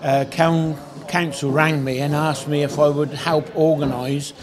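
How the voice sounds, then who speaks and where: A man's voice: fairly high pitch, level tone, measured pace, a crowd in the background. An older man from the Cotswolds in England, a town crier, talking casually in an interview.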